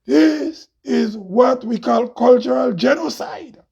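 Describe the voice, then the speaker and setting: A host with a Grenadian accent delivers an impassioned monologue slowly in a loud, heavy, husky voice that sits fairly high. He preaches through rhetorical questions and laughs often. The recording is dull and lo-fi.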